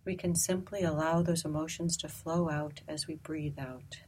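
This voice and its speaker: A woman leading a guided loving-kindness meditation, speaking slowly, softly and gently. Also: deep voice, slightly rough, low-quality recording. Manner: slow, soft, calm and gentle.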